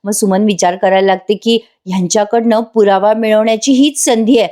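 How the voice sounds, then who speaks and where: A woman recaps a TV serial episode in a chatty voice-over, speaking directly to her viewers as a reviewer. Her mid-range, dark-toned voice stays fairly even in intonation and moves briskly.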